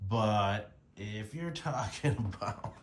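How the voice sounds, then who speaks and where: An animated, lowish male voice takes its time against a noisy background. It belongs to a forties-aged American motorcycle vlogger rambling casually and slangily to his phone camera.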